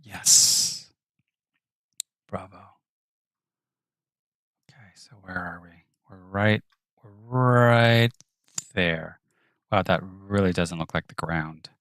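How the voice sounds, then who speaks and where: A man's voice: low-pitched, fairly even intonation, takes it slowly, long pauses, a bit bright, clear, resonant tone, dry recording. A man streaming his 3D work, thinking aloud and often dropping to a mutter or whisper to himself. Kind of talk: live-stream narration of work.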